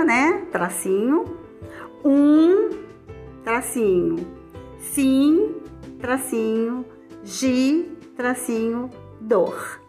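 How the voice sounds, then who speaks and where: In a casual recorded lesson, a Brazilian woman with a mid-range voice and a Brazilian Portuguese accent teaches step by step. She keeps things chatty and often checks in with her students.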